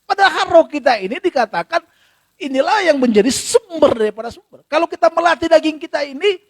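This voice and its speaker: A man's voice: extremely high pitch, expressive, brisk, no echo. A male pastor in a church gives a sermon in a conversational, storytelling way, acting out bits of dialogue.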